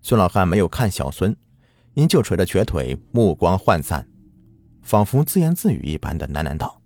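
Male folk-tale narrator, very low and animated, dry close sound. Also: moderate pace, slightly rough, no room sound. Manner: dramatic, lilting storytelling. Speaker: storyteller. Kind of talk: folk ghost story narration.

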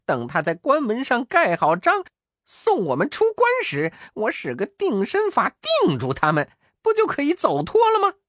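A man voicing a cheeky, boastful male monkey king who cackles and talks in quick bursts. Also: very high voice, huge pitch swings, a bit bright, no echo, clean studio sound, pitched above the performer's own voice, exaggerated voice.

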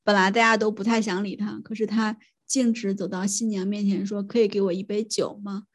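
Soft-spoken woman telling a story. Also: medium pitch, little pitch movement, fairly quick. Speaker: podcast co-host. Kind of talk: casual storytelling chat.

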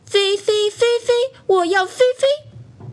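A woman's voice: a little high, huge pitch swings, brisk, slightly rough, voice pushed up, full character voice. A woman voicing a stubborn, crying little boy toy doll in a bedtime storybook, whiny and petulant. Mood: wailing.

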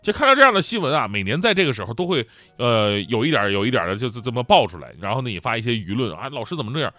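A man's voice: medium pitch, big pitch swings, rapid-fire, sharp tone, no echo. A man performing a stand-up comedy monologue, telling stories with acted-out quotes and rhetorical questions. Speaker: talk show comedian.

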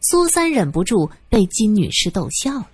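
A woman's voice: medium pitch, big pitch swings, moderate pace, a little mellow, breathy edge, no room sound. A woman narrating a story, reading expressively and acting out the scenes. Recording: dry close voice with faint music.

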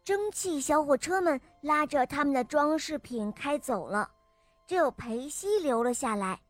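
Woman storyteller for kids, high bright voice, animated reading, light music underneath. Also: a little slow, no room sound. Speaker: children's storyteller. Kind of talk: scripted children's story narration.

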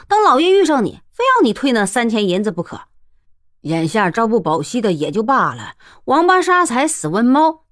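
A woman's voice: on the high side, no room sound, studio quality. A woman voicing a coarse, hot-tempered young commoner who swears and rants in a storybook reading. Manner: swearing, ranting, self-pitying.

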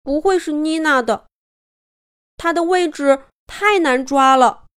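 A woman voicing a small, shy male toy teddy bear in a children's story, soft and fretful. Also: high voice, slow. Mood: doubtful.

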